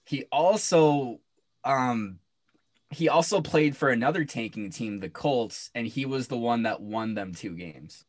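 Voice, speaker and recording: A man's voice: medium pitch, animated, measured pace. A young man co-hosting a sports podcast, talking in an incredulous, sarcastic casual way. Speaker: podcast co-host.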